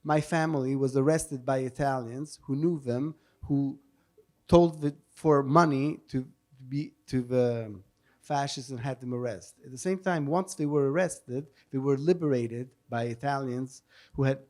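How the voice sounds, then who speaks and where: At a live public event taking audience questions, a male panel moderator gives unscripted answers and translates aloud. He speaks at medium pitch, a touch slowly and somewhat mellow, proceeding with care and repeatedly correcting himself.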